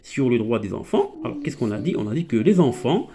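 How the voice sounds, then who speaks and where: A man's voice: mid-range voice, big pitch swings, brisk, crowd noise. A man with a Moroccan accent teaching a French grammar lesson to children, explaining patiently and mixing in Moroccan Arabic. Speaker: primary school French teacher.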